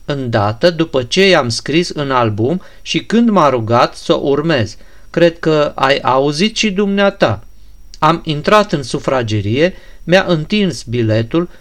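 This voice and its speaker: An unflappable, courteous young prince voiced by a male reader, answering patiently and politely. His voice sits fairly high and stays even in an audiobook scene. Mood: calm. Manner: calm, courteous, even-toned.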